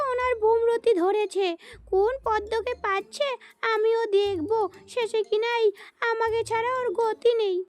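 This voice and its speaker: Woman doing a nagging landlord's wife, very high. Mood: bossy. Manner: scolding, complaining. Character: nagging, overworked middle-aged landlord's wife. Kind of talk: cartoon voice acting. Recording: faint music underneath.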